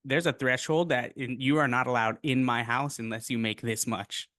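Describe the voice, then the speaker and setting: A man's voice: medium pitch, fairly even intonation, normal speed, fairly bright tone, dry recording, studio quality. A young man co-hosting a casual podcast with his brother, playful and easygoing, asking lots of questions. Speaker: podcast co-host.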